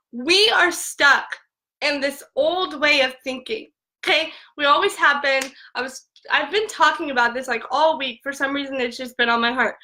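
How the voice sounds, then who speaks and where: A woman's voice: high-pitched, sharp tone, rough recording. A young woman talking on a phone live stream, rambling and emotional, full of "like," tearful at times. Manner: filler-heavy, repeats "like" constantly. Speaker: essential oils seller.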